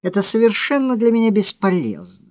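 A man's voice: high-pitched, huge pitch swings, brisk, no echo, muffled recording, voice pushed up. A man voicing a scornful, haughty young woman in an audiobook, cold and contemptuous. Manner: cold, contemptuous, sharply raised voice. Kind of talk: audiobook reading of a classic novel.

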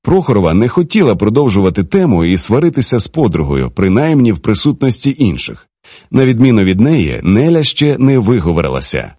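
A man narrating an audiobook in a lively, dramatic reading style. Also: on the low side, a little fast, husky, no echo. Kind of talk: expressive literary narration.

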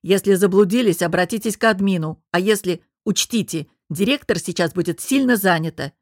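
A woman doing a gruff, rumbling angry young man. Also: fairly even intonation, moderate pace, no echo, clean studio sound, close to an everyday voice. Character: tall angry rude young man, pushy.

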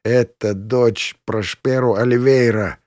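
A man voicing a wounded, desperate man who pleads in a hoarse, hushed and halting voice. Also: medium pitch, fairly even intonation, dry recording, studio quality, natural voice. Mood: pleading.

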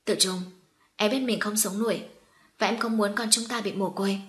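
A woman reading the lines of a gravely ill young woman who pleads urgently and faintly. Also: medium pitch, steady tone, normal speed, lightly acted. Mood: weak pleading.

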